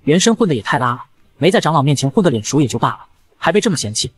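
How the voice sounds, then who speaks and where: A man voicing a cowardly, scheming young male disciple who whines and fawns, in a fast manga recap narration. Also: on the high side, big pitch swings, slightly rough, no room sound. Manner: whiny, fawning.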